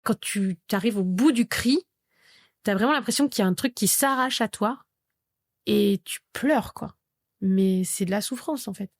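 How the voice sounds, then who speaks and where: A woman's voice: mid-range voice, normal speed, dry recording, clean studio sound. A woman in her thirties, a podcast guest telling a personal story and vividly acting out remembered dialogue. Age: 30s. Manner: vivid narrator who acts out remembered dialogue.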